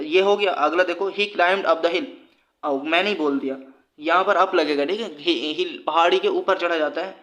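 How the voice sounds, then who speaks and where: A man's voice: a little high, a bit bright. A man with a Pakistani Urdu accent, teaching an exam-prep lesson in a casual, joking way and laughing at his own asides.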